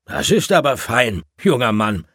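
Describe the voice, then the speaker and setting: A friendly old grandfather hedgehog from a storybook, husky and raised in pitch, as a man puts him on. He chats in a warm, lively, easygoing way. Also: unhurried, dry recording, clean studio sound, exaggerated voice. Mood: genial. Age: older.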